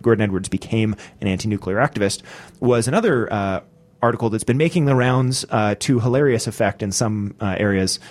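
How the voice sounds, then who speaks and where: A man's voice: on the low side, brisk, a little mellow. A man hosting a podcast, talking in a rambling, casual way with many fillers and restarts. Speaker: podcast host.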